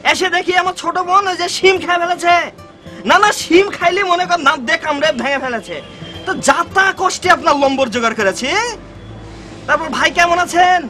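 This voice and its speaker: A man doing a shrill, loud village bumpkin on the phone. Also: brisk. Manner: shouts into phone, rural dialect, rambling. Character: loud naive village man new to the city, shouting on phone. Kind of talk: comedy sketch. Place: on a city bus. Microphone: phone camera. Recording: mobile phone video with faint music.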